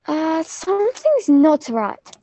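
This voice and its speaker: Woman playing Gretel, high-voiced naive little girl. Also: very animated, slow, dark tone, no room sound, heavily acted. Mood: anxious. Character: naive, anxious little fairy-tale girl. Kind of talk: comic children's fairy-tale play.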